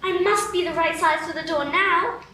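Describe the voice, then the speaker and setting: A woman's voice: extremely high pitch, normal speed, noisy background. A woman voicing young Alice, a curious, polite girl who chats and apologises, in a live radio play. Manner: wondering, apologetic, chatty. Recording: roomy echo from far off.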